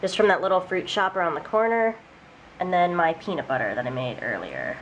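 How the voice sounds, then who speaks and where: Here the vlogger, a young woman with a stuffy, congested voice, talks fairly quickly with lively intonation in a lowish register. The sound is lo-fi, with a little hiss or hum. She's filming a cooking vlog in her small apartment's room and kitchen, chatty, upbeat and quick to laugh.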